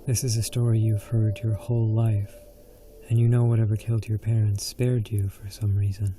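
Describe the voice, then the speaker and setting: A man narrating a scripted horror story in a hushed, ominous delivery. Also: lowish voice, level tone, normal speed, slight background noise.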